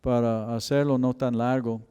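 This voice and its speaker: A man's voice: medium pitch, steady tone, mellow, clean tone, dull audio. A man pastor preaching a sermon and telling a personal story with emotion. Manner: storytelling, emotional, slow and deliberate. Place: church chapel. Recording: long hall reverb.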